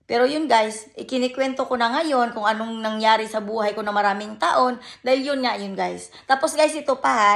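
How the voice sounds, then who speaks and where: Woman, Filipino accent, middle-aged, gravelly fry, fairly high pitch, earnest pleading vlog talk. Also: fairly bright tone. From Philippines. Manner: pleading, addresses viewers as guys, mixes Tagalog and English. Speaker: vlogger. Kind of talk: emotional personal vlog talk.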